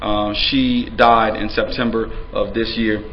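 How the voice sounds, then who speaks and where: A man, speaking earnestly to a conference audience and pausing on frequent "uh"s and "um"s. His voice sits fairly low. The recording is dull with a faint hiss behind it. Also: level tone. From New Orleans, USA. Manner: frequent fillers, earnest, conversational. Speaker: city official giving a presentation. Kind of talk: conference presentation.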